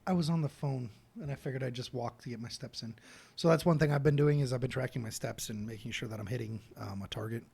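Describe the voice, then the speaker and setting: Middle aged dad rambling about getting healthy, gravelly and kinda husky. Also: male voice, medium pitch, fast, few pauses, a little mellow. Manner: rambling, earnest, restarts often. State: hiccups. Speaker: co-host, father. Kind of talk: casual chat.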